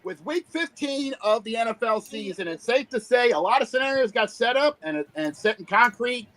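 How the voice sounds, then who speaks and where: A man's voice: extremely high pitch, expressive, moderate pace, pushed and bright, no echo, rough recording. A man co-hosting a sports podcast in casual chat, rambling with many restarts and fillers. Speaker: podcast co-host.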